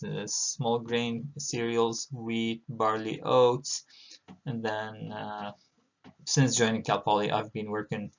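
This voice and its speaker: A middle-aged man from Palestine, a university instructor, giving a recorded online lecture in a measured way with many filler pauses. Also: medium pitch, vocal fry. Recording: dull lo-fi audio.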